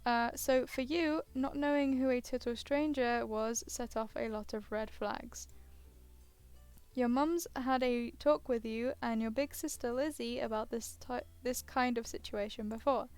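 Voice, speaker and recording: A woman gaming streamer reads a visual novel aloud in a slightly high, steady, clean voice with a touch of mellowness and a measured pace. She keeps breaking off into hesitant asides that interrupt herself, sounding tired and yawning.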